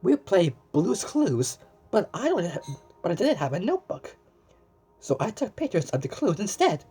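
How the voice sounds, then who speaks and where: Faint music plays behind a woman whose lowish voice is mellow, husky and very animated. Reading a kids' storybook aloud, she exclaims, poses questions to the listener and waits as though they reply, frequently tripping over and repeating words as she talks to the viewer.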